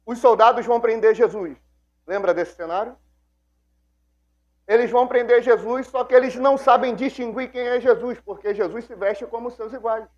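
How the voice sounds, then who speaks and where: A man's voice: extremely high pitch, steady tone, normal speed, lo-fi sound. A man teaching a Bible class like a sermon, acting out quoted speech and asking the class questions.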